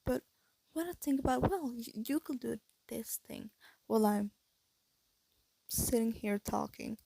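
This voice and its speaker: Speaking through retainers that give her a slight lisp, this teen girl vlogs with a breathy, congested voice into a nearby phone mic. Her pitch is a little high and her pace unhurried, her tone mellow as she hesitates, restarts and fills gaps while thinking aloud. The recording is dry.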